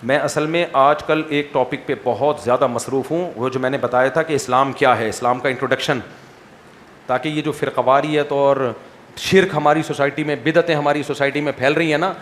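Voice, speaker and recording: A man with a Pakistani Urdu accent answering audience questions in a lively, teasing manner full of rhetorical questions. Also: medium pitch, a little hiss or hum. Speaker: Islamic scholar answering questions.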